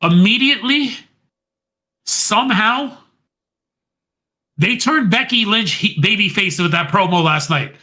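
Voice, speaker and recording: A man co-hosting a podcast, excitedly retelling a wrestling segment in casual chat. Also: high-pitched, measured pace, long pauses. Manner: animated, retells scenes by quoting and laughing. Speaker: podcast co-host.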